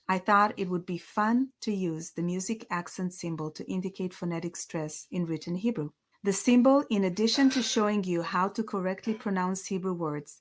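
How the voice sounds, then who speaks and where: A woman who is a Hebrew teacher, giving a language lesson in a slow, clear teaching voice and stressing example words. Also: on the low side.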